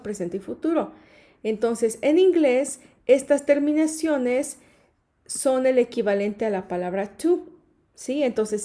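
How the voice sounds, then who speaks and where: A woman teaches English grammar in a patient, repetitive way, checking in often with her students. Her voice sits a little high but sounds mellow and warm. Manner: patient, repeats points with "¿sí?" and "¿ok?". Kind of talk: explaining grammar.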